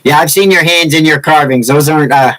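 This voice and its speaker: A woodcarving livestream host in his sixties from Massachusetts, USA, chats casually and teases his viewers, joking and rambling without any regional accent. His voice is a little high and fairly bright, he talks fairly quickly, and the audio is poor.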